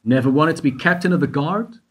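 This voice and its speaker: A man with a slightly high voice and a breathy edge speaks fairly quickly. He's acting in an amateur radio play as a persistent, probing detective who keeps pressing a guard with questions.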